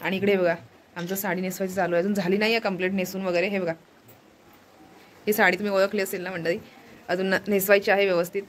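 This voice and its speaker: A woman's voice: mid-range voice, little pitch movement, fast, pauses often, slight background noise. A woman chatting to her viewers as she films her family's festival preparations at a village home, sounding worn out from travel and a headache. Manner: chatty, addresses viewers directly. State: tired with a headache. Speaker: vlogger. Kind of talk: casual family vlog narration. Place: village home during monsoon rain.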